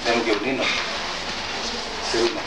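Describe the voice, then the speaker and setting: This informal address comes from a southern Chilean healer whose first language is Mapudungun, speaking to an audience in an indoor meeting hall. He has a medium pitch with little pitch movement and talks in a halting, hesitant, plain way, restarting frequently. The recording is roomy, distant, and noisy.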